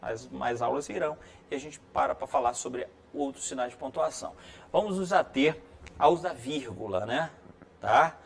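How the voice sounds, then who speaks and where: A man's voice: medium pitch, moderate pace, gravelly. A man with a Brazilian accent teaching a writing lesson on video, friendly and encouraging, who keeps checking in with listeners by asking "right?". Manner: peppers sentences with checking tags like "right?"; friendly, encouraging classroom delivery.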